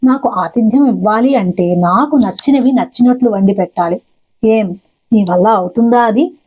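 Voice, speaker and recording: Woman reads demanding male ascetic in a storybook tale, mellow and breathy, lo-fi. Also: a little high, normal speed. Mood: stern. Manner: demanding, testing. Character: stern wandering male ascetic, god in disguise.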